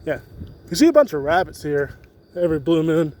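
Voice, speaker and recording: Higher-voiced young man rambling outdoors. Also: very animated, fairly quick, darkish tone. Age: young adult. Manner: rambling, off-the-cuff. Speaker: student vlogger. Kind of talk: casual walking vlog chat. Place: outdoors on a campus street. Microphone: handheld phone. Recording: faint outdoor street noise.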